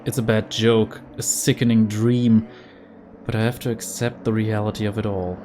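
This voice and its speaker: A man's voice: fairly low pitch, little pitch movement, moderate pace, warm tone, a little hiss or hum, natural voice. A man voicing a downcast, sincere teenage schoolboy who narrates a video game story. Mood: mournful. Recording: game music behind.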